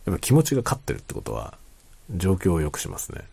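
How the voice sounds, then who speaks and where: A man chatting casually in a quiet late-night monologue, musing and circling back over his own phrases. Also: wildly swooping pitch, fast, gravelly, husky. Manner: quiet, low-voiced night-time talking. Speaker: host of a solo talk show.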